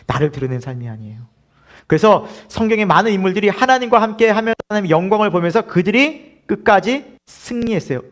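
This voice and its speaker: Man, pastor, sermon, high voice, very lively pitch, animated, acts out inner voices. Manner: animated, swings from loud laughing asides to hushed earnest lines; acts out inner voices and short quoted lines.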